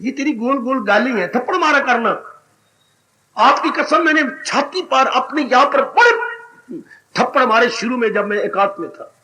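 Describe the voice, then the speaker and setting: High-voiced, bright preacher. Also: male voice, normal speed, a little hiss or hum, poor audio. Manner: animated, with exclamations and sung quotations. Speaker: spiritual teacher. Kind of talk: devotional sermon.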